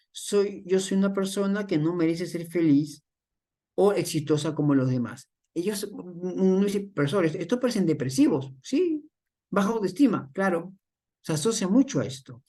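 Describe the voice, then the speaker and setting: A man's voice: sits high, expressive, moderate pace, dark tone. Male instructor, chatty lecture that acts out quoted examples. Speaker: workshop instructor. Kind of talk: lecture on soft skills. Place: online workshop session.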